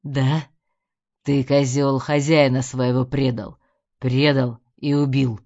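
A woman voicing a cruel, mocking middle-aged male crime boss in an audiobook, speaking in a slow, low sneer. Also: warm tone, full character voice. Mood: menacing, mocking. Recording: dull lo-fi recording.

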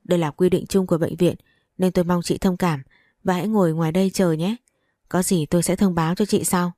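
A woman reading a calm, firm nurse. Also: on the low side, fairly quick, dry recording, studio quality, lightly acted. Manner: calm and reassuring.

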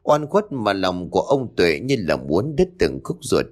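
A man narrating a ghost story in a dramatic, expressive reading. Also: low voice, measured pace. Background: faint background music.

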